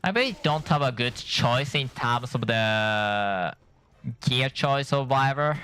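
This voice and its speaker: A gameplay streamer, tired from lack of sleep, talks slowly and expressively in a bright, forceful, medium-pitched voice. He rambles casually over the game, correcting himself mid-thought, and a little hiss or hum sits under the audio.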